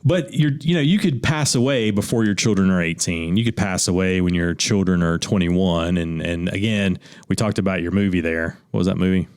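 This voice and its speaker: A man's voice: deep voice, brisk, few pauses, darkish tone, smooth, no room sound, studio quality. A man, an attorney co-hosting a radio show, talking casually about wills with easygoing restarts. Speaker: attorney co-host. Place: radio studio.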